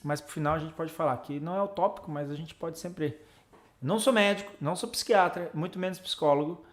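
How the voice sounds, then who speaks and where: Man in his 30s, livestream tutor, chatty, slightly high voice. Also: brisk. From Santa Catarina, Brazil. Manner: chatty, reads out viewers' names and comments. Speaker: online tutor for exam students. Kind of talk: casual live-stream class.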